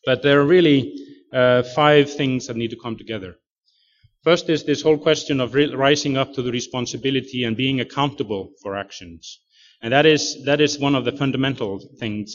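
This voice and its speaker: A man from Iceland giving a talk over slides, speaking haltingly with many fillers and restarts. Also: medium pitch. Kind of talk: lecture presentation. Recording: muffled lo-fi recording.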